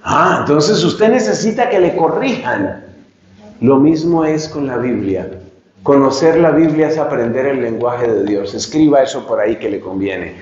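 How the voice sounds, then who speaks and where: A man giving a retreat teaching talk, speaking slowly and deliberately, repeating phrases and acting out pronunciations as he teaches. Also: mid-range voice, expressive, a little mellow. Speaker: preacher at a lay retreat. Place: retreat meeting room. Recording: echoey room, dull lo-fi sound.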